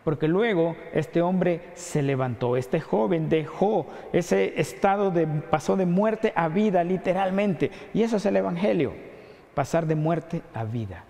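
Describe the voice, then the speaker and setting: A man with an Ecuadorian Spanish accent preaching a sermon as pastor, earnestly asking rhetorical questions and dropping his voice low on key points. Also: lively intonation, unhurried, vocal fry, dark tone. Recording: long hall reverb.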